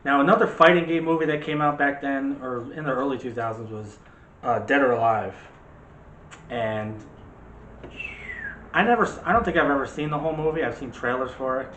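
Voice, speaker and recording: This movie-show co-host talks briskly but with long pauses, joking and wandering off topic in casual chat. His medium-pitched voice is fairly bright, though the audio is dull. There's a roomy echo and faint background noise.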